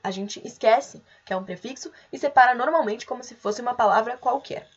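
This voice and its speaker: A young adult woman teaching an online grammar lesson, explaining patiently and clearly and calling out example words. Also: a little high, a little fast, muffled recording.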